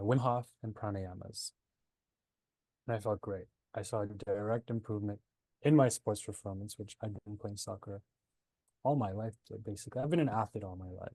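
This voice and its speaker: His voice lowish and warm with no echo, a man in his twenties gives a conversational interview about his life. He teaches breathwork, was born in Nepal, and moved to Canada at seven.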